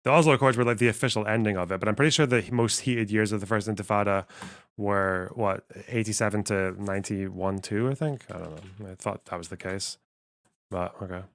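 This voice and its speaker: A man's voice: on the low side, brisk. A young man streaming as he reacts to a debate, talking bluntly and sarcastically, swearing and thinking aloud. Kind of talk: casual reaction commentary.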